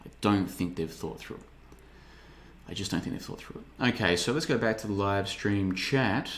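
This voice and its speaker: Speaking at a normal speed in a low, slightly bright voice, a man in his thirties reads his podcast's live chat in a rambling, sarcastic monologue, occasionally putting on mocking voices. There's slight background noise.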